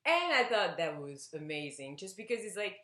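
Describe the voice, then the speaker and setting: Low-voiced woman telling a rambling story. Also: sing-song, moderate pace, sharp tone, echoey room. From Belgium. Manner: hesitant, rambling, with many fillers and restarts. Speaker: vlogger. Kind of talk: casual personal storytelling to camera.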